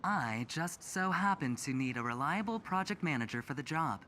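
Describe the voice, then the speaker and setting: Smug charming gambler, teasing, lively pitch, noisy game audio. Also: male voice, moderate pace. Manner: teasing, smooth-talking. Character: smug charming young male gambler executive.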